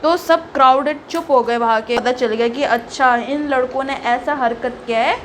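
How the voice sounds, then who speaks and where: A young woman with a high, light voice tells a personal story in a casual vlog. She is animated and drops English phrases in as she goes. A faint hum of room ambience sits behind her. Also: normal speed. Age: young adult. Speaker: vlogger.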